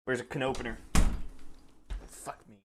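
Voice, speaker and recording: A man's voice: medium pitch, little pitch movement, moderate pace, noisy background. A man helping as sous chef on a home cooking stream, tossing off wry, laid-back asides in the kitchen. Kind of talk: casual cooking stream banter.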